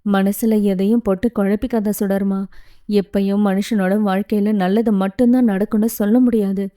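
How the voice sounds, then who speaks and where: A gentle, tearful mother comforts her daughter in a soft, soothing voice, as a woman narrator reads her part. The tone is mellow and warm. The pace is calm and even. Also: medium pitch, normal speed, close to an everyday voice.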